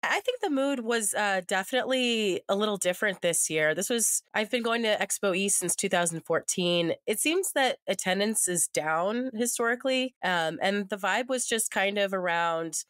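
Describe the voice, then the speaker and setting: A woman guest with a raspy voice from a recent illness, chatting thoughtfully on a podcast. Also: mid-range voice, lively intonation, moderate pace, hardly any pauses, fairly bright tone, no echo, studio quality. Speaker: guest, trade editor. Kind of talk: casual chat.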